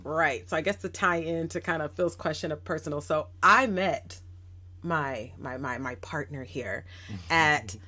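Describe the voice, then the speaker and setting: A woman in her thirties with a low voice tells stories from her own life on a casual podcast. She sounds reflective and livens up when she acts out what other people said. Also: measured pace, bright, forceful tone. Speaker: guest educator.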